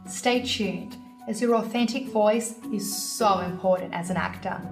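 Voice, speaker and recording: A woman reading a scripted intro for a show in a measured, promotional way. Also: medium pitch. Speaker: host. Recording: voice-over with clear music bed.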